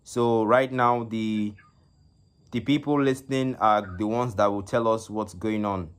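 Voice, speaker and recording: Commentating an esports tournament on his live stream, a man talks into a phone in a halting way, leaning on fillers and repeating words. His fairly low voice is smooth, with a steady tone.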